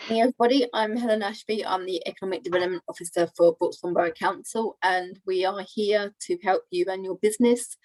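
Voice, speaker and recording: A woman introducing herself as a council development officer on a video call, upbeat and brisk. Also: mid-range voice, steady tone, darkish tone, poor audio.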